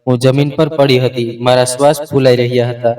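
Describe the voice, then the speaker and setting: A man narrating a scripted story in a steady, earnest way. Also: medium pitch, fairly quick. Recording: roomy echo, distant mic.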